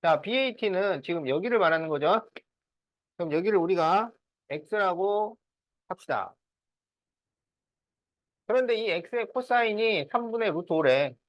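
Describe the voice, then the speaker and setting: A man's voice: high-pitched, animated, a little slow, pauses often, dry recording, dull audio. A man teaching a class math, working through problems step by step and often checking whether students follow. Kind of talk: classroom lesson.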